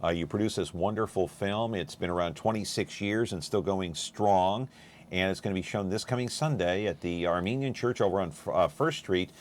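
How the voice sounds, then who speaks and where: A man hosting a local TV talk show, interviewing guests and reading viewer email questions briskly. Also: deep voice, slight background noise. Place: TV studio.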